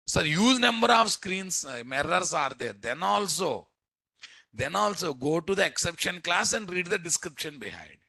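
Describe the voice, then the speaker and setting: A man with an Indian Telugu accent teaching a live software class as instructor, often repeating phrases and quizzing his listeners. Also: on the high side, creaky, dry recording, rough recording. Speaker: programming instructor.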